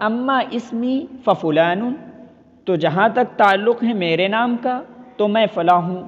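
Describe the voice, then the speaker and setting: Man, high voice, teaching, reads a phrase then explains it over and over, lo-fi reverberant recording. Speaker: Arabic teacher. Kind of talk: line-by-line Arabic text translation lesson. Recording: dull lo-fi audio with long reverb.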